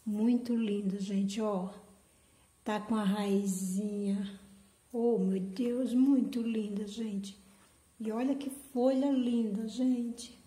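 Slow, gushing woman vlogger in an echoey room. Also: medium pitch, steady tone, dark tone. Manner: gushing, affectionate, repeats "gente". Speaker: orchid channel host. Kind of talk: casual unboxing vlog.

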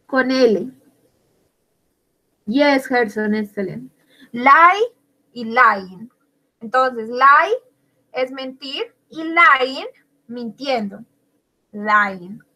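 A woman's voice: a little high, bright, forceful tone, low-quality recording. A woman teaching an English grammar class in Spanish, spelling out words letter by letter and praising her students by name. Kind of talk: online class explaining grammar.

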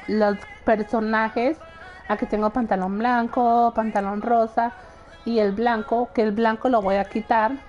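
A young woman livestreams a game and chats casually, laughing often and greeting her viewers. Her voice is fairly high and a little mellow, and the recording sounds muffled, with faint game music in the background.

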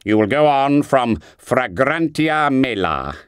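Give me a severe form master snapping out his words, as a male storyteller plays him, with lively rises and falls. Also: medium pitch, slow pace, clear, resonant tone, dry recording, studio quality, voice pushed up. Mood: stern. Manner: clipped, biting, severe. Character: stern older male form master, wrathful.

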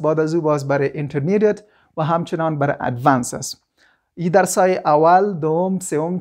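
A woman's voice: lowish voice, darkish tone. Encouraging Afghan Dari-accented woman teaching. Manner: encouraging, repeats each word slowly for students; mixes Dari and English. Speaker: English teacher. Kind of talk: language lesson.

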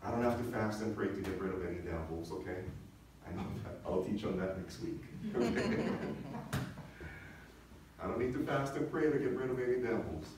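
A thirty-something pastor speaks briskly and animatedly in a lowish voice from the stage of a church sanctuary. He preaches conversationally, circling back to points and asking the congregation check-in questions. The audio is echoey and faintly noisy, picked up by a distant mic.

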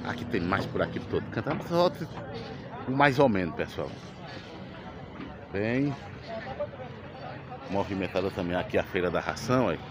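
A man's voice: deep voice, normal speed, long pauses. A man with a Pernambuco accent, a vlogger giving a casual guided tour of an outdoor cattle and feed market, chatting to viewers. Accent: Pernambuco Portuguese. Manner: chatty, addresses viewers, thanks people often. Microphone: camera held by the speaker. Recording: lively crowd around outdoors.

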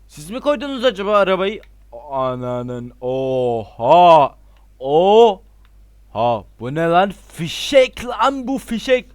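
A man giving excitable, casual gameplay commentary, shouting out reactions and talking straight to his viewers as friends. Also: a little high, dry recording. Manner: excitable, loud exclamations and slangy swearing; talks to viewers as friends, repeats himself. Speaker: gameplay YouTuber.

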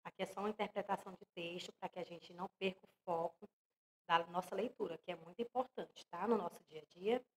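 A young woman teaching an online lesson to young children with a Brazilian accent, speaking slowly and clearly and stressing each example word. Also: fairly low pitch, darkish tone. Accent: Brazilian Portuguese. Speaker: primary school teacher.

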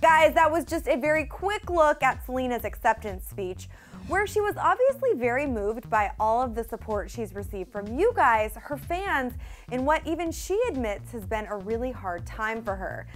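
An American woman with a high voice hosts entertainment news. Her delivery is upbeat and scripted, recorded in a studio with faint music underneath. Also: big pitch swings, normal speed. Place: indoor studio.

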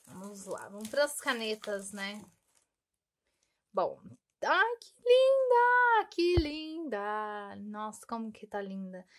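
A young woman chatting through an unboxing, gushing and cooing over each cute item. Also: on the high side. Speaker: unboxing vlogger. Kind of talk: casual unboxing chat.

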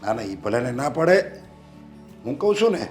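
A man's voice: medium pitch, big pitch swings, normal speed, soft background music, natural voice. An actor playing a stubborn older father who guards his property, speaking in a stern, insistent, lecturing way.

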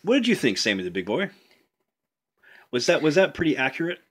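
A man playfully telling a puppet story to a child, teasing and animated. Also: on the high side, fairly quick, husky.

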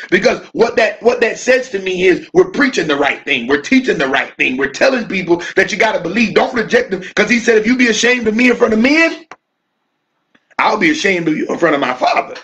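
A male pastor with a fairly high voice teaches a church bible study. He preaches more than he chats, circling back over his own phrases. He drags out key words for emphasis. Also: expressive, a bit bright, rough recording. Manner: preachy, repeats phrases, slows down to stress words.

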